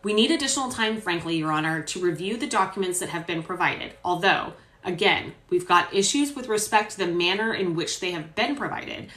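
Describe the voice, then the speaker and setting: Woman reading male attorney, formal courtroom argument, measured, lowish voice, echoey room. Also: lively intonation, fairly bright tone. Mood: earnest. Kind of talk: dramatic reading of a court transcript. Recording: roomy echo.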